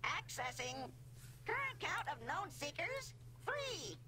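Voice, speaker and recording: Like a calm ship computer, this high, bright female custodian voice lets its tone rise and fall while it reads out procedures evenly. It is a game's ancient machine guardian, unhurried and precise. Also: a little hiss or hum, exaggerated voice. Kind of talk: video game dialogue.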